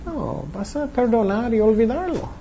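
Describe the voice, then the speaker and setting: High-voiced man preaching, lo-fi recording. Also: animated, moderate pace. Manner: plain teaching tone, rhetorical questions, acts out worried inner voices. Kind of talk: sermon. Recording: dull lo-fi recording with faint noise.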